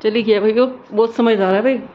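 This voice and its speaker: A woman's voice: on the high side, steady tone, brisk, highs cut off, slight background noise. A woman with a head cold chatting casually to her viewers in a home vlog, talking straight to the camera. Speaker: home vlogger. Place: home, kitchen and house.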